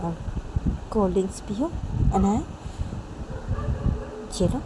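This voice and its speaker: A woman's voice: mid-range voice, expressive, slow. A woman doing a secretive young man. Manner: hushed, repetitive urging. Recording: traffic noise behind.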